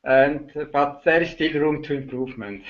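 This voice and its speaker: On a lo-fi video call, a middle-aged Swiss man who speaks Swiss German natively chats casually as a guest, his fairly high voice carrying a Swiss German accent. He talks hesitantly, halting often and filling gaps with lots of "uh."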